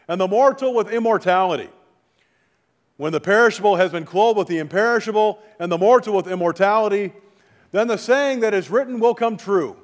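A middle-aged man speaking as a pastor at a funeral, reading liturgy and prayers in a solemn, measured, formal way. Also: sits high. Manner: solemn, measured, formal delivery with falling phrase endings. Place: large church sanctuary, indoors before a congregation. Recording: reverberant church hall.

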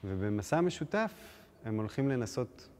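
A man speaking calmly and reflectively in a behind-the-scenes interview. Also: mid-range voice.

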